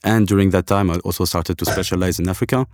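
A man from Algeria, a guest on a podcast interview, who answers thoughtfully with many pauses and restarts. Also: sits low, steady tone, a little mellow, a little hiss or hum. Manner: thoughtful, hesitant with frequent restarts.

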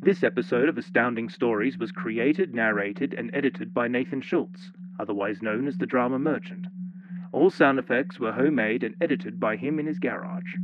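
A man's voice: mid-range voice, normal speed, muffled recording. Man reading credits over hiss. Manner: plain, matter-of-fact reading. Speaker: podcast host. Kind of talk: read credits.

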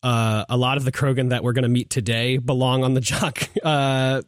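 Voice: medium pitch, moderate pace, no room sound, clean studio sound. A co-host of a video game show chatting casually and laughing often, recording from inside a closet in a vacation house. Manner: laughs often, animated and joking. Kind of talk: casual chat.

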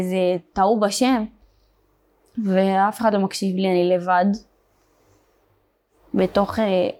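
A young woman from Israel, a border police fighter, telling her story in an interview, halting, with many fillers and restarts. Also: medium pitch, a little mellow. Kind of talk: personal testimony in an interview.

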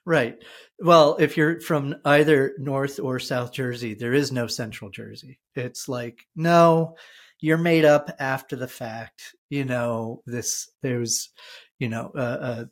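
A podcast host speaks slowly in relaxed conversation, often pausing and restarting thoughts. The pitch is middling and the talk unhurried. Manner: hesitant, many fillers and restarts. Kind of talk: casual conversation.

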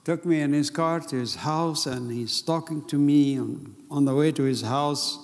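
A man gives his testimony from the pulpit, pressing his points by repeating them. His voice sits a little high for a man and swings between loud emphasis and near-whispers. A long church-hall echo trails each phrase. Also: measured pace. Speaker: guest speaker giving testimony. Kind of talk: sermon testimony with interpreter.

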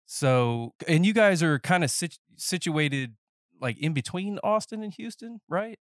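A man's voice: on the high side, expressive, a little slow, no room sound, clean studio sound. A man in his thirties hosting a casual podcast interview, a little nasal and congested, rambling and joking as he talks. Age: 30s. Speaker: podcast host. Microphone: headphones and podcast mic.

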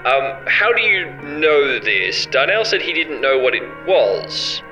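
A man's voice: medium pitch, big pitch swings, unhurried, bright, forceful tone, soft background music, low-quality recording. A man playing a scatterbrained, prickly colleague of monster hunters in a tabletop game, rambling and distracted. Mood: defensive.

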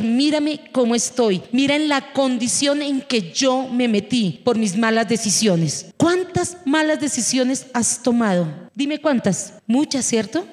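A woman preaching a sermon in an emotional, pleading way, with dramatic swings in pitch. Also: darkish tone. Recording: reverberant hall.

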